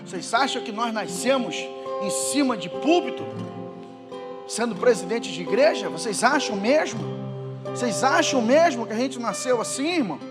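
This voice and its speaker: A man preaching a Pentecostal sermon in church with a Brazilian Portuguese accent, moving from quiet, low talk to shouted proclamations. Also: animated, normal speed, loud music behind the voice. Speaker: pastor.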